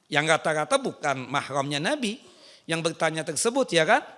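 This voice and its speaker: Male preacher, higher voice, lively and teasing, keeps throwing questions at his listeners. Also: normal speed. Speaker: Islamic preacher. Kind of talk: sermon to women. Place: mosque.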